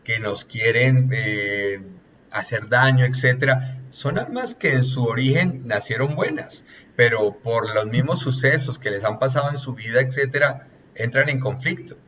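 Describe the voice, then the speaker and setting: A man's voice: mid-range voice, unhurried, a bit bright, dull audio, a little hiss or hum. A man, a relationships consultant giving an earnest, teacherly coaching talk that lists points one by one.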